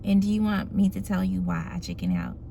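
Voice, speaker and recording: A woman's voice: mid-range voice, sing-song, a little fast, creaky, mellow, a little hiss or hum. A woman in her forties talking casually and personally to her vlog audience. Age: 40s. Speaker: running vlogger.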